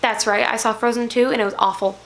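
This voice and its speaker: A young woman vlogging a casual trip recap, chatty and excited, often correcting herself. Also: fairly high pitch, fast, slight background noise.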